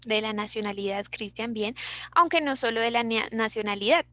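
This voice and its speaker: A woman's voice: a little high, normal speed, a bit bright, no room sound. A young Colombian woman with a Bogotá accent, teaching an online class in a chatty way and reading out her students' answers. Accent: Bogotá Colombian Spanish.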